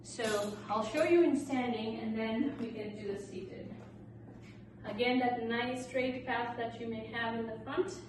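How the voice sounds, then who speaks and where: A woman's voice: a little high, steady tone, measured pace. A woman leading exercise as an aerobics instructor, cueing and counting out moves with short, encouraging instructions. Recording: echoey, noisy room, distant microphone.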